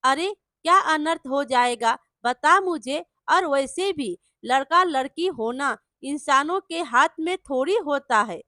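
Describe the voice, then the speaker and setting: A woman doing a caring elder brother in a storybook tale, gently coaxing and concerned. Her voice is high and bright, slow and close to the mic. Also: animated, no echo, exaggerated voice.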